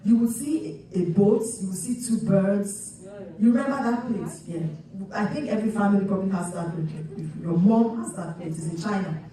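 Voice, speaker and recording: A woman's voice: mid-range voice, normal speed, warm tone. A woman from Nigeria preaching a sermon in a chatty storytelling way, with many restarts and asides. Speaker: pastor. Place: church sanctuary. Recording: echoey church hall picked up from far off.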